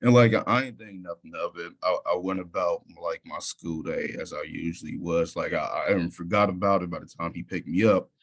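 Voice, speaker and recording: Deep-voiced young man telling a story. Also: a little fast, hardly any pauses, a bit bright. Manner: casual, many fillers and restarts. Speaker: youth leader presenter. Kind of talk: personal story in a presentation.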